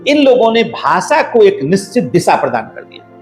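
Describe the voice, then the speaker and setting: High-voiced man lecturing calmly. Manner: measured lecturing, building points in lists. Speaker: guest scholar. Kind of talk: explanatory podcast talk. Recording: roomy echo, faint background music.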